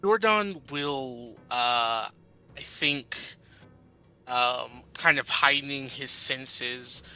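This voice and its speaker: A man playing a tabletop role-playing game, describing his character's actions in a casual, halting way as he searches for words. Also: mid-range voice, pushed and bright. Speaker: player.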